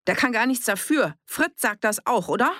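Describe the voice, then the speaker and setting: A reader voicing an agitated, sharp-tongued village woman. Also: mid-range voice, expressive, moderate pace, dry recording, clean studio sound, voice pushed up. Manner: agitated, pleading, raised voice. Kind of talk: audiobook character voice.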